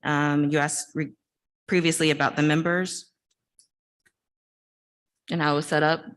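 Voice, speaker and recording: A woman's voice: low voice, little pitch movement, unhurried. A woman board member at a public meeting, reading aloud, her voice muffled as if heard through a wall.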